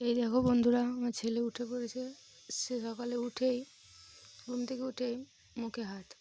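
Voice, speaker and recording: A young woman with a fairly high voice chats casually into a phone camera at home. Her throat is sore, and she talks to her viewers in a friendly way. Faint noise sits behind her voice. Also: completely flat delivery, moderate pace, vocal fry, dark tone. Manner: chatty, coaxing her child in a sing-song voice. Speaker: vlogger. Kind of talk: casual home vlog talk.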